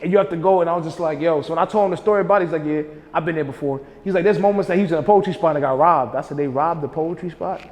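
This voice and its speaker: A man's voice: on the high side, racing, few pauses, a little mellow, muffled recording. A man hosting a podcast as a spoken word poet, telling stories in a laid-back, slangy way and laughing often. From Jamaica. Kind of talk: casual conversation. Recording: echoey room with reverb.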